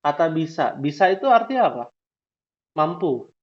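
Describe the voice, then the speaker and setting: A man's voice: a little high, sing-song. A male teacher talks to a room of students and keeps checking in with a short "ya" after each point. He draws out some words as he asks the class questions. The recording sounds dull and lo-fi. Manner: drawn-out questioning, frequent "ya" tags. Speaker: Arabic teacher. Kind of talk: classroom lesson.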